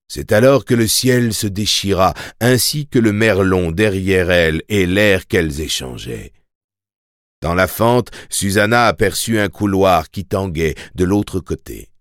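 A man reading a novel aloud in measured, steady scripted narration. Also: deep voice, no room sound, studio quality. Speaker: audiobook narrator.

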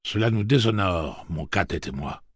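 A man voicing a stern gunslinger leader who speaks in a cutting, booming tone. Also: expressive, normal speed, slightly rough, no room sound, studio quality.

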